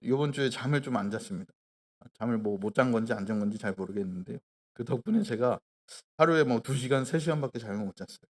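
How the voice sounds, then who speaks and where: A man in his thirties preaching a sermon at a live church prayer meeting, earnest and conversational, with rhetorical questions and sudden swings from hushed, slow emphasis to loud exclamations. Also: mid-range voice. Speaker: pastor. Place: church worship hall.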